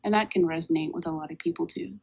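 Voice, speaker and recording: A woman with a somewhat low voice co-hosts a casual spiritual podcast. She thinks out loud in long, meandering sentences, her speech slightly softened by a retainer. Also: fairly even intonation, quick pace, breathy edge, highs cut off. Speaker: podcast co-host.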